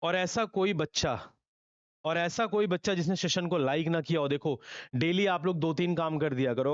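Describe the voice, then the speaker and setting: A young man teaching vocabulary in a lively class, repeating key phrases and quizzing his students. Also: a little high, no room sound, highs cut off. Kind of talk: lively online classroom lesson.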